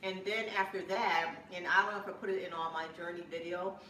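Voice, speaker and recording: A woman hosting a home cooking live stream, chatting in a rambling way with bursts of excitement, from her kitchen. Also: on the low side, fast talker. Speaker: cooking channel host. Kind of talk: casual live-stream chat. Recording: echoey room, mic at a distance, faint room noise.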